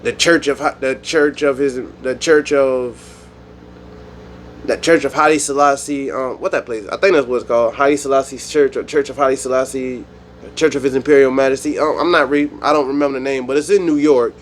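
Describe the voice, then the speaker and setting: A man from the United States hosting his own channel, speaking his mind in a rambling, animated monologue with frequent restarts. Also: mid-range voice, a little fast, slight background noise. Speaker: YouTube channel host. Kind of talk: solo opinion monologue.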